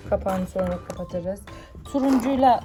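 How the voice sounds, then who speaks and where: A mother talks casually at a middle pitch in a home video, her playful, chatty voice turning now and then to the viewers. Clear background music runs under her the whole time. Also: moderate pace. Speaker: mother vlogging with her daughter. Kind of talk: casual family vlog chat. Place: home, indoors.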